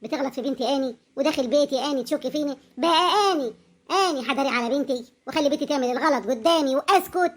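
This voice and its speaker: A high-voiced performer playing a fierce, protective older mother in a cartoon, scolding with an Upper Egyptian accent. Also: very fast, close to an everyday voice. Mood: furious. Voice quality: scolding, confrontational.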